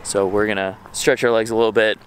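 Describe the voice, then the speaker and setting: A young man vlogs a road trip, talking casually and upbeat to a handheld camera held at arm's length, both outdoors and in a room. His fairly low voice moves little in pitch, he talks fast, and there's slight background noise.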